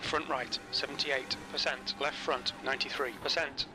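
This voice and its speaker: A calm male race spotter , as a man voices him, barking terse pit radio calls in short, level bursts. His pitch sits in a middle range. The loud roar of racing engines runs under every call. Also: normal speed, noisy background, natural voice. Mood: clipped. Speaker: racing game spotter and crew chief. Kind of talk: prerecorded game announcements. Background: racing car engines.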